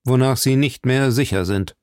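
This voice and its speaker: A man's voice: mid-range voice, normal speed, a little mellow, no echo, studio quality, natural voice. A man reading aloud and voicing a stern lord who speaks in a curt, matter-of-fact manner. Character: stern English lord, cold and decisive.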